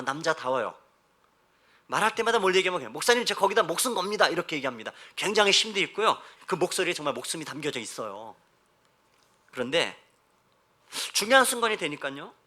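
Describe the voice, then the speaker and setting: A male pastor preaching a sermon in a church. He moves between quiet storytelling and loud, fervent exhortation, often calling out to the congregation. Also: a little high. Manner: addresses the congregation repeatedly, emphatic preaching. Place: church sanctuary.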